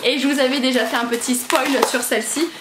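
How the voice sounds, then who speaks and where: A woman's voice: high-pitched, steady tone, quick pace, heavy background noise. A woman book vlogger chatting casually and gushing over her new books as she unboxes them, giggly and self-mocking. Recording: echoey room.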